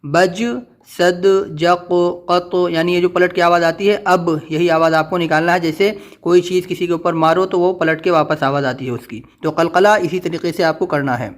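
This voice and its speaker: A man's voice: a little high, steady tone. A man teaching Quran reading with tajweed, spelling out letters and syllables and drilling them patiently. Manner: slow drawn-out recitation of syllables.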